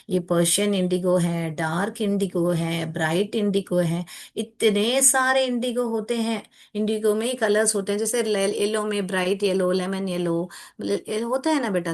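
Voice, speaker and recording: Female teacher, unhurried and coaxing, reads poem lines slowly for the kids. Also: mid-range voice. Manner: patient, coaxing, calls students "beta", slow recitation of poem lines. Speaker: school teacher. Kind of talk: online English poem lesson explained in Hindi.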